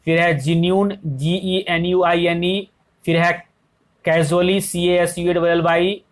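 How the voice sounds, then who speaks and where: A male teacher giving an exam-prep lesson, explaining in Hindi and reading the phrases slowly. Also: sits high, level tone. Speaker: English teacher.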